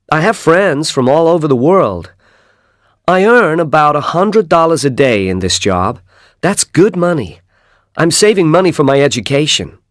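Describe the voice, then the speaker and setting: An actor voicing an upbeat young bike messenger, talking in a clear, lively way in a scripted coursebook monologue. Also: male voice, a little high, no room sound, clean studio sound. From Canada. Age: young adult. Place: dry studio booth.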